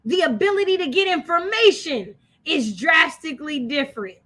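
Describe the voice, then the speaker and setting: With a high, expressive and fairly bright voice at normal speed, this American woman co-hosts a casual book discussion livestream. She stresses her points emphatically, driving them home through repeated phrases.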